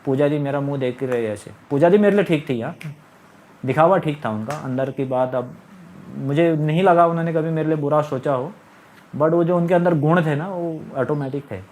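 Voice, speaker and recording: In this clip the middle-aged storyteller's voice sits on the high side with a darkish tone, at a moderate pace. He continues his long, casual account of his marriage, sounding aggrieved, wandering, and repeating his phrases.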